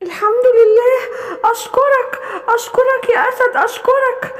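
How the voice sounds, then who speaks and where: A woman's voice: extremely high pitch, moderate pace. A woman voicing a frightened female gazelle with an Egyptian accent, sobbing and crying out. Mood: grateful. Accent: Egyptian Arabic. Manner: sobbing, cries out for help. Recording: long hall reverb.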